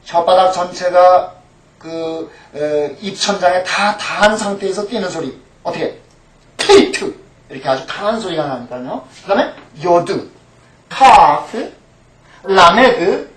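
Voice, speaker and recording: A middle-aged pastor teaching a Hebrew class, patiently repeating each letter name and asking questions that he then answers himself. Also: high-pitched. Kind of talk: recorded language lecture. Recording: echoey room, mic at a distance.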